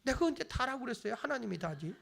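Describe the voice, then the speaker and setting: A middle-aged man preaches with a high, gravelly voice, bright and forceful in tone. He plays out his congregants' excuses in little voices and drops from loud emphasis to near-whispers. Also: big pitch swings, fast talker. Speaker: pastor. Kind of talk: sermon.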